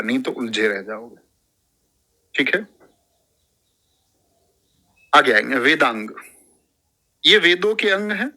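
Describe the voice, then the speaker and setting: A male teacher lectures a class in a lively, animated way. His voice sits a little high and sounds bright and forceful. He repeats terms aloud and sometimes recites verse.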